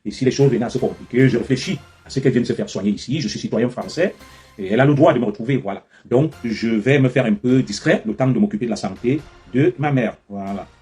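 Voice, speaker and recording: A tired man hosts a live call-in and speaks in measured, repetitive phrases. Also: mid-range voice, a little mellow, breathy edge, soft background music. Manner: measured, repeats himself, closes with "voilà". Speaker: live-stream host taking calls.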